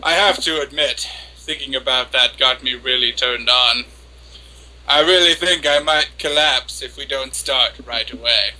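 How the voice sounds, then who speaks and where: Casting: male reader for lovestruck young anime woman, obsessive and flustered; hammy, theatrical dramatic reading, piercingly bright delivery. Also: medium pitch, a little slow, low-quality recording. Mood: breathless longing. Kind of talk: dramatic reading of an internet post.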